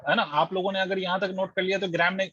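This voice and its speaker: A man with a high voice teaches physics in an online class. He works through each step and keeps quizzing his students along the way. The sound is dry, dull and lo-fi. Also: little pitch movement, fast talker, bright, forceful tone, no room sound. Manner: explains step by step, quizzes students, mixes English terms into Hindi.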